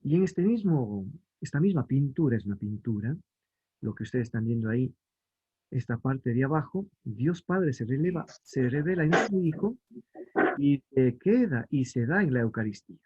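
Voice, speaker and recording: A man's voice: medium pitch, expressive, warm tone, breathy edge, dull audio. A man giving a religious lesson to families, explaining patiently and asking questions that he answers himself. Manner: reads scripture aloud slowly. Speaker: family catechist.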